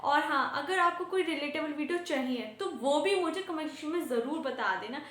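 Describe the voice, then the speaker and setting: A woman's voice: sits high, a little fast, fairly bright tone. A woman creator casually addressing her viewers in a video outro. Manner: friendly, direct to viewers. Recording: very echoey room.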